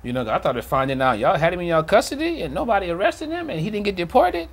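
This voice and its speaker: A man's voice: high-pitched, fast talker. A middle-aged man interviewed as a grieving father, talking emphatically and acting out moments as he tells them. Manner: animated, emphatic, acts out past moments. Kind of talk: emotional interview recollection.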